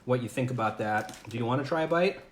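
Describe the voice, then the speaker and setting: Speaking quickly in a mid-range voice, a man hosts a relaxed home livestream and chats cheerfully while sampling food, frequently starting his sentences over. It's captured indoors on a camera or phone mic, with room echo and a faint hum of ambience.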